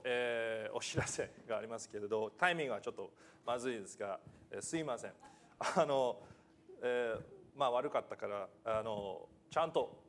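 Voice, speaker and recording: A man whose first language is not Japanese, preaching a church sermon in a halting, light-hearted way, with many fillers and self-deprecating humor. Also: mid-range voice.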